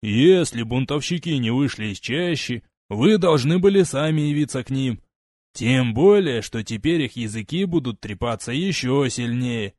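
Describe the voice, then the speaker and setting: Stern legate, commanding and forceful; male narrator voices him. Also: mid-range voice, expressive, moderate pace, no echo, clean studio sound, close to an everyday voice. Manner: imperious, commanding.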